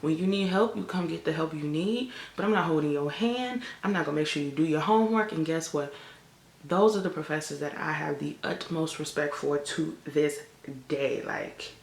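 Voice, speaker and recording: Speaking at normal speed into a camera set in front of her, a Chicago vlogger and college lecturer in her 20s rambles candidly from a family-vacation room, filling gaps with "um" and "like." The room is echoey, and her voice is low, with a rough, fried edge.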